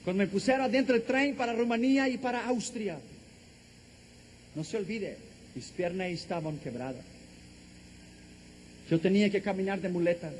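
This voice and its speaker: High-voiced impassioned male preacher. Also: normal speed, long pauses, slight background noise. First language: Portuguese. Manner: impassioned, building to shouted preaching. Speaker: evangelist. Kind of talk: testimony sermon.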